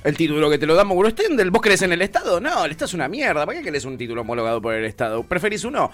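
A young man with an Argentine accent hosts a casual stream, mocking and sarcastic as he comments on a clip. His voice sits high and moves in wide, lively swings, with faint music playing underneath. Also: rapid-fire. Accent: Argentine Spanish. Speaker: stream host.

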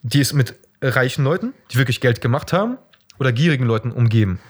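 A man's voice: medium pitch, animated, fast, breathy edge. A young man talking bluntly and crudely in a casual podcast chat, ranting about people he knows.

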